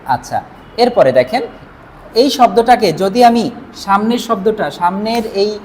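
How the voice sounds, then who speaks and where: Bengali-speaking woman teaching at a whiteboard, slow patient repeats, bit of hiss behind. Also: medium pitch, lively intonation, darkish tone. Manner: patient, repeats each reading slowly while writing. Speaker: language teacher. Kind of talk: whiteboard language lesson.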